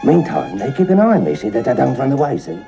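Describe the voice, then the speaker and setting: A man's voice: medium pitch, sing-song, quick pace, vocal fry, warm tone, faint music behind. A man playing a wary, secretive schemer who talks emphatically and defiantly in a television comedy-drama. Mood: conspiratorial, defiant. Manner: emphatic, conspiratorial. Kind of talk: naturalistic TV comedy-drama acting.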